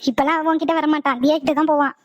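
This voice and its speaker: A woman voicing an older female relative in an animated cartoon, exasperated while handing back a crying baby. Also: high voice, very fast, lightly acted. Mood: fussing.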